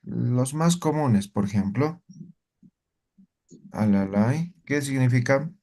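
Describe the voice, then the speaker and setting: A man leads a language lesson at a slow, patient pace. He keeps asking the class questions and tacks on little checks for understanding. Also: mid-range voice, animated, warm tone. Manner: slow, asks students questions often, tag questions. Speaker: Aymara language teacher. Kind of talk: interactive class explanation.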